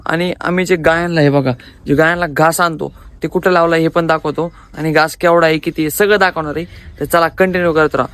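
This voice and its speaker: A man's voice: a little high, fairly even intonation, a little fast, a bit bright, clear, resonant tone. A young man casually vlogging around his rural farm, chatting to his viewers as friends on a handheld phone. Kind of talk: casual vlog chat. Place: rural farmyard and fields, outdoors.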